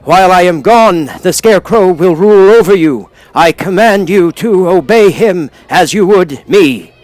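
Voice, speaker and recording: Flustered, stammering Wizard of Oz, swooping high. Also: male voice, lively intonation, measured pace, darkish tone, dry recording, low-quality recording. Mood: loud, panicky. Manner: stammering, hesitant, repeating words with ums and chuckles. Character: nervous, flustered little old humbug wizard. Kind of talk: audiobook character voice.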